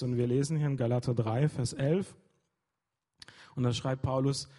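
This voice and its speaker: Young male preacher, loose informal sermon, hesitant delivery, mellow and a bit husky. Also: mid-range voice. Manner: hesitant, many fillers and restarts.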